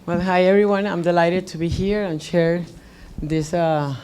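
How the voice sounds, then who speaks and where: A woman from Venezuela introducing herself as a panelist, measured and full of fillers. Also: fairly low pitch, steady tone, a little mellow, a little hiss or hum. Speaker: company founder, panelist. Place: meetup event stage.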